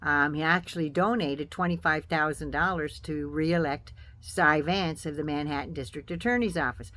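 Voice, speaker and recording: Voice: mid-range voice, fairly even intonation, moderate pace, bright, forceful tone. Folksy, sardonic American political commentator. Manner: folksy, sardonic, salty-tongued. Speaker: host of a political commentary channel.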